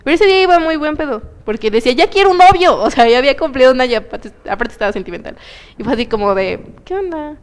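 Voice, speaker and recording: A young Mexican woman co-hosting a chat show, telling a story in an animated, slangy, playful way. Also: on the high side, racing, clean tone. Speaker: co-host. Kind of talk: casual chat.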